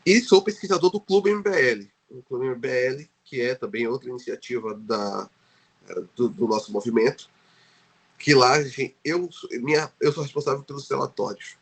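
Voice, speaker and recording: A Brazilian man, a guest researcher, speaks Portuguese with a Brazilian accent in a podcast interview. His medium-pitched voice has a breathy edge and moves at a moderate pace, and he sounds hesitant, with many fillers and restarts.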